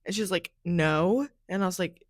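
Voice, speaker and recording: A young woman hosts her own podcast and tells stories in a loose, chatty solo session, with "like" scattered through her talk. She sounds slightly groggy, as if she just woke from a nap. Her voice sits at a middling pitch, and the recording is dry, with no room echo. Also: lively intonation, normal speed. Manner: chatty, fills speech with "like". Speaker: podcast host. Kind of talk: casual solo storytelling chat.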